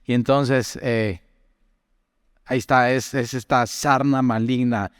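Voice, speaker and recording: A man's voice: mid-range voice, steady tone, slow, clean tone, no room sound, clean studio sound, in a large hall. A young man preaching, telling personal stories and asking the listener questions. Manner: chatty, tells personal anecdotes, asks the listener questions. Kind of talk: conversational sermon.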